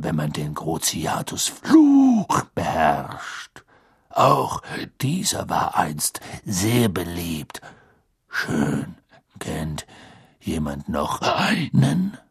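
A man voicing a grim, menacing old male wizard teacher with slow, low, drawn-out speech in an audiobook reading. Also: vocal fry, husky, dry recording, clean studio sound, heavily acted. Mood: quietly menacing.

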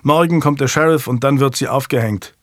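A man's voice: medium pitch, fairly quick, no echo, studio quality, lightly acted. A man doing a curt young servant. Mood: guarded. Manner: curt, guarded.

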